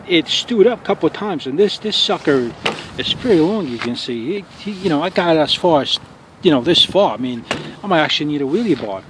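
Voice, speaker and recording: Angry cursing man on a noisy street. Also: a little high. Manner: angry, profane ranting with halting restarts. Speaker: RC car hobbyist reviewer. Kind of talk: casual outdoor review vlog. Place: outdoors on a city street. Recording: noisy outdoor street recording.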